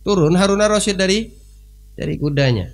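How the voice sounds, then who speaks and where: A man giving an informal sermon, telling a story in a lively conversational way. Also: high-pitched, a little fast. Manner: lively, conversational, with sudden rises. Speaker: preacher.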